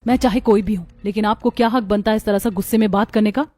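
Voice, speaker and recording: Woman playing a sharp-tongued young heroine. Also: medium pitch, fairly even intonation, fast, no room sound, close to an everyday voice. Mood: defiant. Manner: defiant, sharp retorts.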